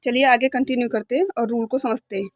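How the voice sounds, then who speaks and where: A young woman with a high, bright-pitched voice teaches beginner phonics. She spells out each letter sound slowly and patiently, pausing often to check her learners follow. The sound is close and dry, with no room echo. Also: steady tone. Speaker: English teacher.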